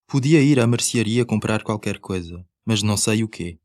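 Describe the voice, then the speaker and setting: A man's voice: on the low side, lively intonation, normal speed, a little mellow, no room sound, studio quality. A man with a European Portuguese accent reading scripted language-course dialogue, carefully enunciated.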